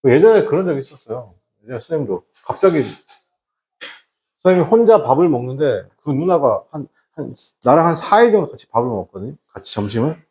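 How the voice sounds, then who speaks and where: A man teaching a class in a relaxed, conversational way, putting questions to himself and answering them. His pitch sits in a middle range but swings freely up and down. He acts out the lines he quotes. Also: quick pace. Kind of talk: lecture with a personal anecdote.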